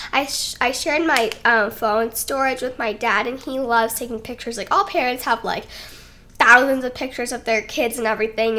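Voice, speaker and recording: A woman's voice: on the high side, sharp tone. A young woman, likely a teen vlogger at home, chatting casually and rambling a little, slightly out of breath, into a desk microphone. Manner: chatty and rambling, giggly, self-conscious. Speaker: YouTuber. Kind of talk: casual sit-down vlog talk. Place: home, indoors.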